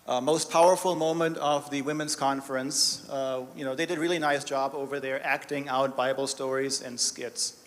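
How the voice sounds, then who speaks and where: Speaking at a moderate pace with few pauses and fairly even intonation, a man with a mid-range voice gives a live testimony with slides. He's a director of development, telling stories earnestly and sometimes emotionally, in a reverberant hall.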